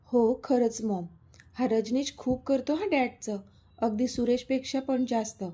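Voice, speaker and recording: A woman narrator voicing a polite, quietly scheming young rich son. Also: on the high side, unhurried, husky.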